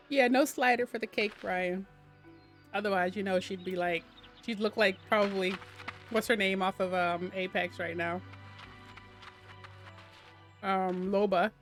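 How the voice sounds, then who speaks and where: A woman's voice: mid-range voice, a little slow, long pauses, a bit bright, soft background music, rough recording. A woman streamer chatting casually and giggling while playing a game. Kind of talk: casual gameplay commentary.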